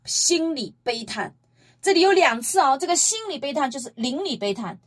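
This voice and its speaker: A woman's voice: sits high, moderate pace. A woman preaching a Bible-teaching sermon, retelling scripture emphatically and posing rhetorical questions to her listeners. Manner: emphatic, lively storytelling.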